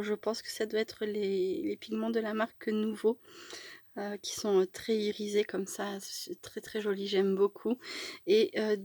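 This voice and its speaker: A woman hosting her craft channel, chatting casually while unboxing mail and pausing often with hesitation fillers. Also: a little high, dry recording, studio quality.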